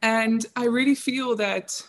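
A woman's voice: a little high, steady tone, takes it slowly. Woman, podcast guest, chatty, laughs a lot, lots of ums. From England. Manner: chatty, laughs often, many fillers. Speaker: guest, emotional intelligence coach. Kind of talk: casual interview talk.

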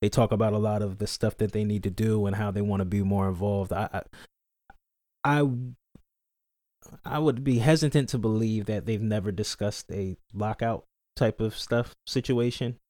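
A man with a lowish voice talks through his ideas in a relaxed podcast chat. He works things out aloud and hesitates often. The recording is close and dry, with no room sound. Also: moderate pace, no echo. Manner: laid-back, thinking aloud, hesitant with fillers. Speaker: podcast co-host. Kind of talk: casual chat.

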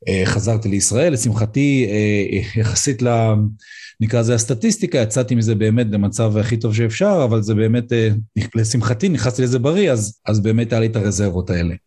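A middle-aged man, an emergency physician, speaking as a podcast guest and pausing often on "uh" fillers as he talks. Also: fairly low pitch, lively intonation, mellow, slightly rough. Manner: hesitant, frequent "uh" fillers. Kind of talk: podcast interview, personal account.

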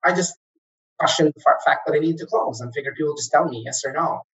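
A man's voice: fairly high pitch, fast talker, fairly bright tone. A man from Egypt who grew up in Kuwait, recounting his early career in an interview, with frequent fillers and restarts. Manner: hesitant, many fillers and restarts. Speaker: guest, former franchise operator. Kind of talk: conversational interview. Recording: distant, dull lo-fi sound.

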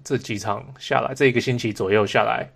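A man's voice: medium pitch, steady tone, brisk, gravelly, a bit bright. A man casually discussing sports as a co-host, mixing English words into his speech. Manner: code-switches between Mandarin and English.

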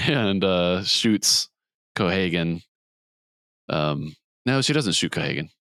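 A man hosting a podcast, casually retelling a movie plot with quick voiced quotes. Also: deep voice, animated, fairly bright tone, no echo, studio quality. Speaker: podcast host. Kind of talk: casual movie recap chat.

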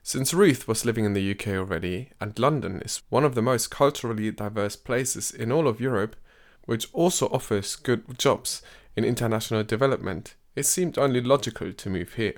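Using a mid-range voice, a man delivers measured, scripted documentary narration for a podcast, raising his tone for quoted lines.

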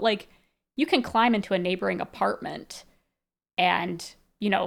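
Female co-host, gravelly voice, measured casual explaining. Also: mid-range voice. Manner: thoughtful, explaining with many "like"s. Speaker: podcast co-host. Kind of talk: casual chat.

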